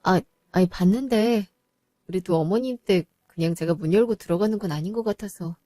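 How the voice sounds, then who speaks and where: Calm, patient daughter-in-law acted by a woman, mellow mid voice, dry studio read. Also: medium pitch, fairly quick, dry recording, natural voice. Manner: calm, polite. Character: patient young wife, kind daughter-in-law.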